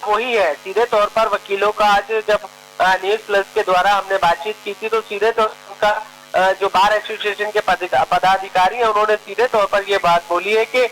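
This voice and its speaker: A male bureau chief reporter explaining a story live to an anchor, halting with many fillers. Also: high voice, little pitch movement, a bit bright, soft background music, rough recording.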